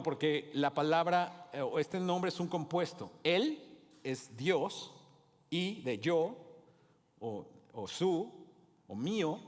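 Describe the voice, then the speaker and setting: Man, pastor, sermon, fairly high voice, emphatic preaching, long hall echo. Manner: preaches with rising emphasis and calls to the congregation. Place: church hall.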